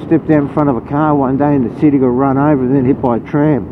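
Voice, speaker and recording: Talking fast with fairly even intonation and a medium pitch, an Australian man on a motorcycle vlogs a rambling, plain-spoken running commentary. The helmet mic makes him muffled and narrow-band, with heavy engine, wind and road noise all around.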